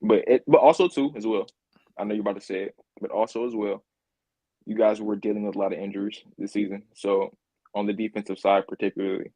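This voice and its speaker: A man's voice: lowish voice, steady tone, fast, dark tone, no room sound, poor audio. A man co-hosting a podcast, chatting casually about football, repeating himself and laughing easily. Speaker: podcast co-host. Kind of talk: casual sports chat.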